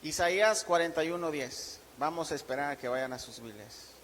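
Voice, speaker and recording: Male pastor, high pitch, emphatic sermon delivery, long hall reverb. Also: a bit bright, slight background noise. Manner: emphatic, slows down to dictate points. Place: church sanctuary.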